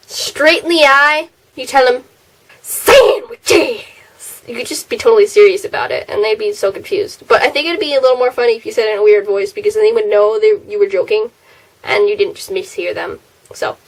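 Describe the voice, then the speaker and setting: A teenage girl rambling casually in a home vlog, with giggly, quick asides, recorded on a laptop's built-in mic in her bedroom. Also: fairly high pitch, poor audio. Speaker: vlogger.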